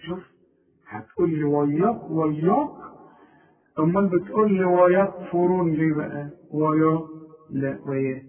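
A man with an Egyptian Arabic accent teaching Quran recitation one-on-one. He corrects pronunciation and stretches words out slowly to demonstrate them. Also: on the high side. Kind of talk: one-on-one tajweed lesson. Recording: tinny phone-like line, far from mic.

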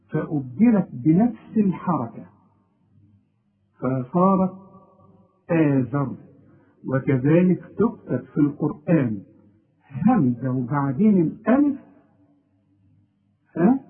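A man with an Egyptian Arabic accent teaching a recitation lesson, asking and then answering his own questions and stressing key words. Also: on the high side. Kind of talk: explanatory lesson. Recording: tinny phone-like audio.

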